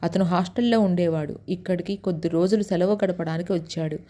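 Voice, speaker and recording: Storyteller, woman, Telugu accent, deep mellow tone, steady narration, a little low. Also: a little fast. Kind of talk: first-person story narration.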